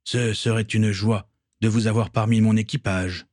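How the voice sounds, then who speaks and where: A composed pirate captain, read by a male storyteller, issues orders in a steady, commanding way. The low voice stays close and dry, in a storybook reading. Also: normal speed, no echo, lightly acted.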